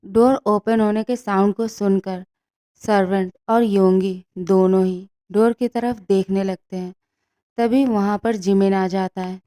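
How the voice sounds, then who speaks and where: A woman narrating a fan fiction story in a steady storytelling manner. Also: medium pitch.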